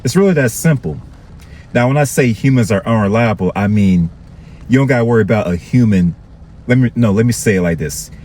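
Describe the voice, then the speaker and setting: A man's voice: lowish voice, expressive, brisk, a little mellow, slight background noise. A man from Florida, talking casually to his viewers and often checking in with "okay". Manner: conversational, repetitive, addresses viewers with "okay". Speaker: vlogger.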